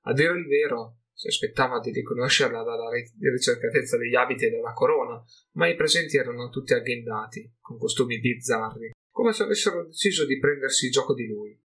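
A man narrates a fantasy audiobook in a measured, dramatic manner. His voice is bright and forceful, with a husky grain running through it. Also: medium pitch. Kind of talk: scripted narration.

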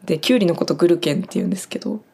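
Woman, young adult, from Japan, chatty, filler-heavy, lower-pitched voice. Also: very fast, vocal fry, warm tone, slightly rough. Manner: chatty, friendly explaining with many fillers. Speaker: farm worker teaching German words. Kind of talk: casual spoken lesson.

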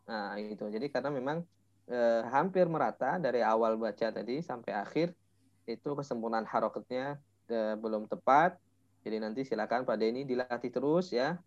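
A male Quran recitation teacher coaching a student one-on-one, patiently demonstrating sounds slowly and filling pauses with "eh". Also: mid-range voice. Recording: dull lo-fi voice message audio.

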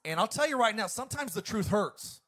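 A man's voice: high-pitched, animated, a little fast, husky. A male pastor preaching an emphatic sermon to his congregation. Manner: emphatic, preacherly, swings between loud and quiet.

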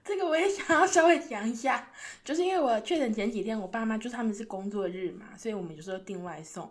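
A woman's voice: on the high side, animated, quick pace. A young woman, chatting on a podcast and animatedly acting out her parents' lines as she tells a story. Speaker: podcast co-host. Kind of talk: casual chat.

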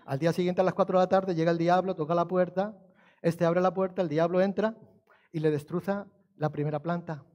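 Man, pastor, sermon, high-pitched voice, animated storytelling, rhetorical questions. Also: fairly quick, muffled recording.

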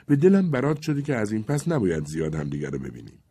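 Storybook role: shy seventeen-year-old village girl, hushed and gentle, read by a male narrator. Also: fairly low pitch, huge pitch swings, husky, full character voice. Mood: anxious. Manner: soft, hushed speech.

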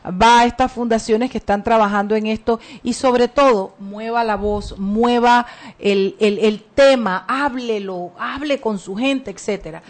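A high-pitched woman hosts a radio talk show. She comments on the news with emphatic indignation and a playful streak, then turns to her guests with lively questions. Her voice sits well above most women's. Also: a little slow. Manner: emphatic, indignant, playful Cuban-style slang. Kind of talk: opinionated news commentary and interview.

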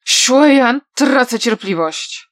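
A woman voicing a cold, furious older swordsman who shouts his demands, in a storybook reading. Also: a little high, animated, drawn-out words, dry recording, studio quality, pitched above the performer's own voice. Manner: loud, angry shouting.

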